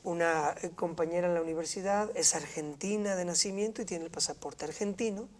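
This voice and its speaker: Female panelist, lowish and measured. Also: darkish tone. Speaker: academic panelist. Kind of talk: panel discussion.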